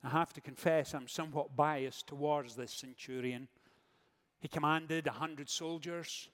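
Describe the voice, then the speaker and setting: A man preaching a sermon as pastor, measured, with dramatic pauses and rhetorical questions. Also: on the high side, steady tone, fairly bright tone. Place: church sanctuary. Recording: long church reverb.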